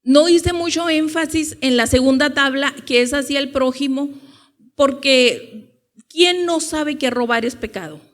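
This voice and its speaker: A woman preacher walks through scripture in a loose, conversational way. She fills pauses with short asides and asks rhetorical questions. She slows down on the points she wants to land. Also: sits high. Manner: informal, with rhetorical questions and many "eh" and "ok". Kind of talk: conversational Bible teaching.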